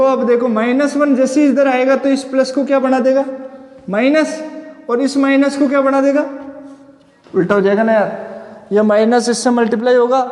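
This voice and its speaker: Male physics teacher, in an echoey room, slowly spelling out formulas. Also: very high-pitched, darkish tone. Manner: asks and answers his own questions. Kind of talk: classroom lecture. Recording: echoey room with long reverb.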